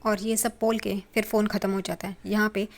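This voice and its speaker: A woman narrating a casual, steady recap of a TV serial episode. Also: mid-range voice, fairly quick, a little hiss or hum. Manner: plain, steady retelling.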